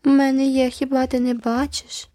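A woman voicing a cheeky little girl who mimics others in a squeaky voice. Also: level tone, normal speed, warm tone, dry recording, clean studio sound, close to an everyday voice. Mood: mocking.

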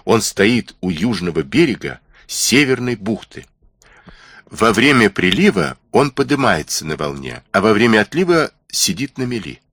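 A man's voice: lowish voice, very animated, normal speed, a bit bright, dry recording. A man voicing an honest, frightened teenage cabin boy in an audiobook, earnest and pleading. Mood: resolute.

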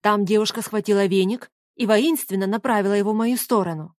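A woman reading a first-person story as an audiobook narrator, in an even storytelling manner. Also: mid-range voice, a little fast, no echo, clean studio sound.

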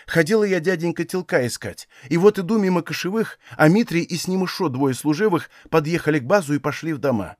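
A man's voice: fairly high pitch, fast talker, few pauses, no echo, studio quality, natural voice. A man voicing a frightened old village woman. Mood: hushed.

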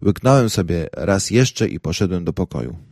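A man's voice: low-pitched, animated, moderate pace, a little mellow, husky, no room sound. A young man reading a first-person humorous story aloud in a wry, ironic, indignant manner, close to the mic. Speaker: audiobook narrator.

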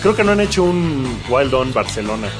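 A man's voice: mid-range voice, sing-song, normal speed. A man with a Mexican accent chatting casually as a podcast sidekick. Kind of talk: casual chat. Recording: loud music behind the voice. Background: loud music.

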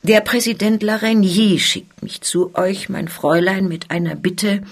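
A woman voicing a formal, persuasive male police officer in a dramatic reading, her voice husky. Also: mid-range voice, steady tone, a little slow. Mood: urgent.

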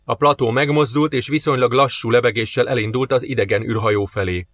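Measured male audiobook narrator, middle pitch, dry studio mic. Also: steady tone, fairly bright tone, no room sound. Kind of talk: scripted narration.

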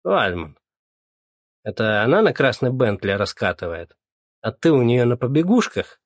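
A man's voice: mid-range voice, big pitch swings, moderate pace, dry recording, studio quality. A man voicing an angry, sarcastic male police colleague in an audiobook. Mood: mocking. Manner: loud, needling, sarcastic.

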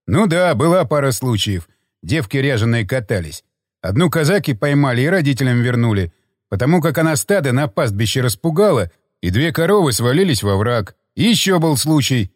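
A man's voice: mid-range voice, no room sound, studio quality, in a large hall. A man voicing a blunt, dismissive male stalker who lectures his friend. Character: skeptical grown male stalker, gruff and blunt. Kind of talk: audiobook character voice.

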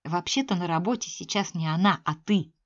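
A woman's voice: medium pitch, animated, moderate pace, close to an everyday voice. A woman voicing a dry, wry woman surgeon with a curt, ironic way of talking, on a slightly dull recording.

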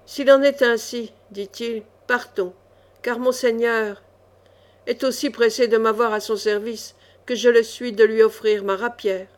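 Woman doing an angry jealous baron, growls his lines, voice sits a bit high. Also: fairly even intonation, unhurried, lightly acted. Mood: seething. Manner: growling, seething. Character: jealous hot-tempered male baron, a henchman.

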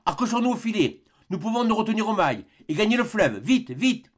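Male reader doing a commanding balloon-expedition doctor: raised, urgent, loud storybook voice. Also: high-pitched, animated, normal speed, breathy edge, voice pushed up, full character voice. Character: excited male explorer doctor leading a balloon escape.

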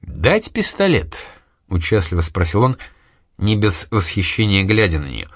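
A man narrating an audiobook in a steady, even reading style. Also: sits low, moderate pace, no echo, clean studio sound. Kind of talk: scripted narration.

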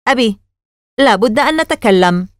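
A woman voicing a worried young girl who speaks earnestly and tensely, trying to stay calm. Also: on the high side, normal speed, no echo, clean studio sound, lightly acted.

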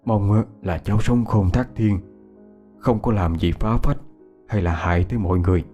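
A man doing a soft-spoken village husband. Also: on the low side, normal speed, lo-fi sound, soft background music, close to an everyday voice. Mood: gentle. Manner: soft-spoken, polite, hesitant. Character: kind, humble village husband, middle-aged man.

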